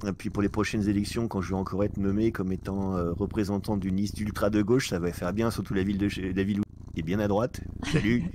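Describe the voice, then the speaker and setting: Fast-talking joking man on a noisy line. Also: low-pitched, steady tone, mellow. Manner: joking, hesitant with many fillers. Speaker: co-host of a live stream. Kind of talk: casual chat. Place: online voice chat.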